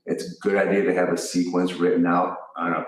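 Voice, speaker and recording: Deep-voiced man telling a story in an echoey room. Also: little pitch movement, a little fast, recorded from a distance. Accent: Chicago. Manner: rambling, self-correcting anecdote with laughs. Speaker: yoga teacher and co-host. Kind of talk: casual storytelling chat.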